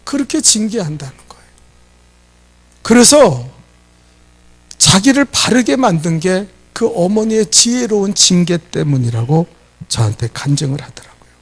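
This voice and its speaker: Lively gravelly-voiced middle-aged pastor. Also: male voice, high-pitched, a little slow, pauses often. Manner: animated preaching, asks the congregation questions and acts out quoted scolding. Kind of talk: sermon.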